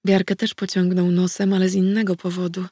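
Woman, first-person audiobook narration, dramatic dialogue, dry close sound, raspy. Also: lowish voice, monotone, brisk, mellow, dry recording. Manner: acted, voices dialogue dramatically.

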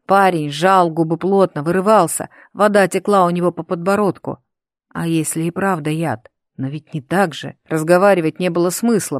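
Female audiobook narrator, lowish pitch, dry close sound, steady delivery. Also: no echo. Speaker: audiobook reader.

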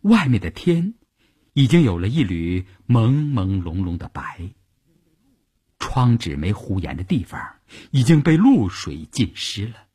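A man narrating a story for a storytelling broadcast in a slow, expressive way. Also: fairly low pitch, slightly rough.

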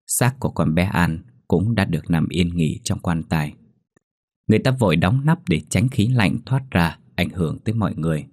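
Man, ghost story narrator, somber, dramatic, very deep voice, dry close sound. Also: lively intonation, moderate pace, a little mellow, no room sound.

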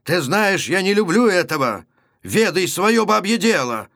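A man's voice: sits high, big pitch swings, measured pace, creaky, sharp tone, no room sound, studio quality, voice pushed up, exaggerated voice. A man voicing a proud young Cossack husband, stern and commanding, in a storybook reading.

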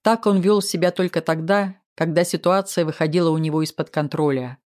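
A man's voice: on the high side, fairly even intonation, fairly quick, darkish tone. A man steadily narrating a first-person audiobook.

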